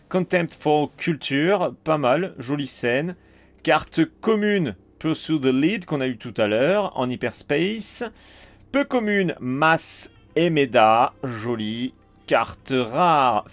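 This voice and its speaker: A man with a French accent chatting casually while opening trading cards, calling out each card and getting excited. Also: a little high, dry recording. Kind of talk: casual card-unboxing commentary.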